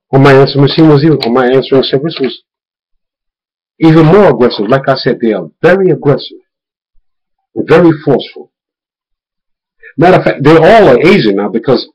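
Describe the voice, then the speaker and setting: A video blogger warns viewers about a phone scam, speaking informally and emphatically as he retells phone conversations and repeats words for stress. His voice is slightly high and a little mellow, and the recording is muffled.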